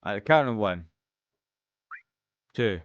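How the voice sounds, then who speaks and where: A man with a Scottish accent playing through a game, reading every character's lines aloud and shifting his pitch between the parts, close to the mic. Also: lively intonation, slow pace, muffled recording, slight background noise. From Scotland. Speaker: let's-play streamer.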